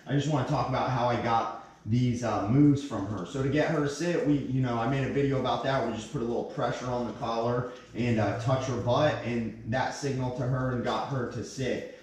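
A man's voice: medium pitch, a little mellow. A man in his thirties working as a dog trainer, giving a casual demonstration with short, firm commands and praise for the dog. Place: indoors, hard-floored living room. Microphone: distant fixed camera. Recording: echoey room, far from the microphone.

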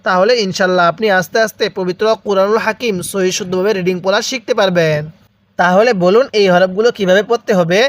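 High-voiced teacher spelling out recitation. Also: male voice, fairly even intonation, fast, no echo. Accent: Bangladeshi Bengali. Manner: spells letters and vowel marks one by one, has the viewer repeat along. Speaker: Quran reading teacher. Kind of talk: slow spelled-out recitation lesson.

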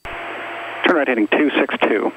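A man working as an approach radar controller, calling headings and glide path over the radio in measured, clipped procedural phrases. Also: mid-range voice, fairly bright tone. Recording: dull radio transmission with faint noise.

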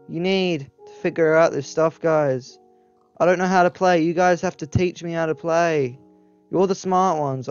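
Excitable man doing game commentary. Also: a little high, vocal fry, clean tone, highs cut off. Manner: excitable, talks straight to viewers, yelps when scared. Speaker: gaming YouTuber. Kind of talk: gameplay commentary.

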